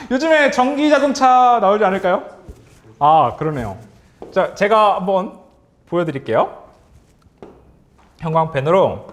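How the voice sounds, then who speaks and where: A man leading a workshop for teachers as a trainer, upbeat and animated, calling on the audience, praising their answers and chuckling often. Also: high voice. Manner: chuckles often between remarks. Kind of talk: online workshop quiz for teachers.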